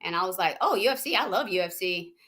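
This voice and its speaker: Young woman from hawaii, lowish voice, chatty and loose, lots of ums. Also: quick pace. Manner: relaxed, rambling with many fillers and restarts. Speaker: MMA fighter, guest. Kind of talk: casual interview chat.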